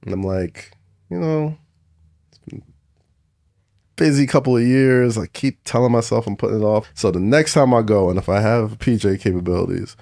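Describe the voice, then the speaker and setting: A man's voice: on the low side, normal speed, vocal fry, pauses often, dark tone, no room sound, studio quality. A man talking as a podcast guest in casual chat, laid-back and slangy, laughing often.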